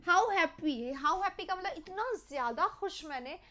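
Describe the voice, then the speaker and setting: A young woman with an Indian English accent teaching English grammar in a live online class, mixing Hindi and English and reading example sentences slowly. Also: extremely high pitch, bright, forceful tone. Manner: mixes Hindi and English, reads sentences slowly, quizzes viewers. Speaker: English teacher for competitive exams.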